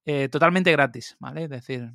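Man, interview guest, lively casual storytelling, dry close recording. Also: medium pitch, gravelly, no room sound. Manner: lively, animated, quick asides and laughs.

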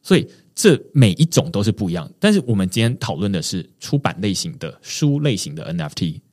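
A man, hosting a podcast and explaining his points in a measured, conversational way. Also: fairly low pitch, big pitch swings, darkish tone. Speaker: podcast host. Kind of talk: casual podcast discussion.

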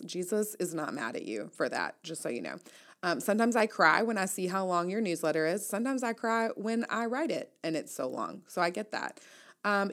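With a fairly low voice, a woman reads her own casual commentary aloud as host of an audio newsletter. Her delivery is wry, playful and conversational.

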